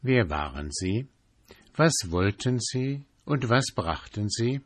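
A man reading a fairy tale aloud in a calm, measured way. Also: fairly low pitch. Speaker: narrator. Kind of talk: storybook reading.

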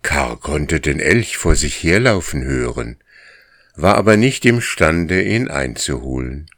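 Male audiobook narrator with a very deep, unhurried read and a dry, close sound. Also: very animated, a bit bright, dry recording. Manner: slow, measured storytelling. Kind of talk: scripted narration.

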